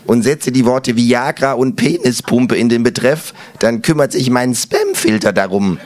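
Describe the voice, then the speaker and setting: A man's voice: mid-range voice, measured pace, darkish tone, some chatter behind, natural voice. A man voicing a smug, cheeky know-it-all kangaroo in a read-aloud story, with a dry, mocking manner. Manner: dry, mocking, self-satisfied.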